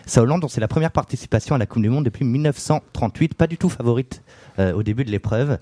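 A man's voice: medium pitch, quick pace, dark tone, dry recording. A man on a casual podcast, telling football history in a loose storytelling way, with many fillers and jokes. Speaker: podcast co-host.

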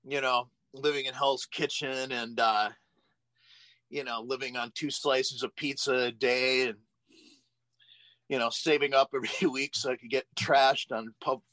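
Bright-voiced rambling songwriter guy. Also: mid-range voice, steady tone, measured pace, no room sound. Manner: rambling, swears, laughs, many fillers. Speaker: band songwriter. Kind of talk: reminiscing interview.

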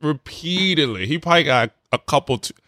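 A man's voice: on the high side, lively intonation, fairly quick, sharp tone, no echo, clean studio sound. A man co-hosting a podcast, chiming in with playful, teasing quips. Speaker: podcast co-host. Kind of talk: casual chat.

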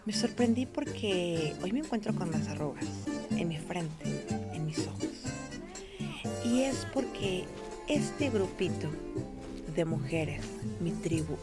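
Heartfelt woman telling her story. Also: mid-range voice. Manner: heartfelt, expressive, emphatic. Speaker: market vendor telling her life story. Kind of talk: personal storytelling.

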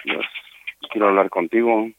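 A man's voice: lowish voice, fairly even intonation, moderate pace, a little hiss or hum. A man with a Mexican accent making a prank phone call on a radio show, talking in a weary, blunt way as he presses a breakup. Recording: muffled radio broadcast audio.

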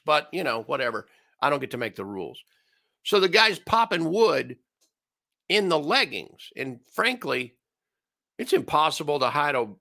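Host, male, sarcastic ranter, gravelly fry, pitch swings all over. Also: bright, forceful tone. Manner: sarcastic, ranting, mocking asides. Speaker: commentary show host. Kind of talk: opinionated solo commentary.

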